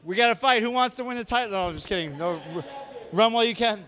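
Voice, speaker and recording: Bright, forceful and high-pitched, a man in his thirties talks fast as the host of a casual walking tour through a large indoor convention hall. Into his handheld mic, he keeps up a joking, self-deprecating patter.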